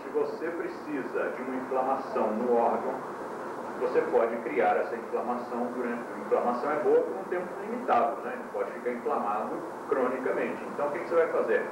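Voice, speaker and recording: Male yoga teacher, lecture style with light humor, off an old VHS tape: a boomy room, the mic far off, tape hiss underneath. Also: heavy reverb. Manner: explains with quick bodily demonstrations and light humor. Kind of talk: classroom lecture.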